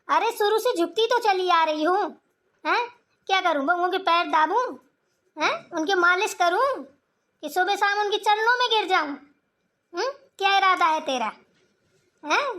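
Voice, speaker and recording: A woman voicing a shrill, scolding old mother-in-law. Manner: scolding, shrill and sharp-tongued. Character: angry, proud old village mother-in-law. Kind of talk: Hindi cartoon voice acting.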